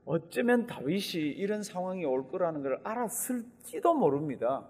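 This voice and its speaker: Male pastor preaching, slightly high husky voice, long church hall echo. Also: normal speed. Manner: animated, acts out quoted lines with sudden loud outbursts. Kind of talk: sermon. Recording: long reverb of a large hall.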